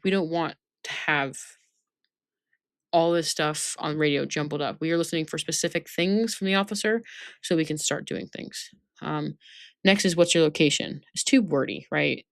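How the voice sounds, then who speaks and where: In studio-quality audio with no room sound, a deep-voiced woman gives an informal training lesson. She reads points aloud and explains each one, frequently checking understanding with tag questions.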